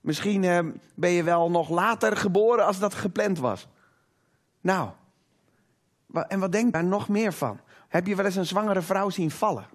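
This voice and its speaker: A man with a notably high voice preaching a sermon to a congregation. He talks emphatically, lingers on the words he wants to stress, and keeps drawing the room in with questions. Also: normal speed. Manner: engaging, asks the audience rhetorical questions.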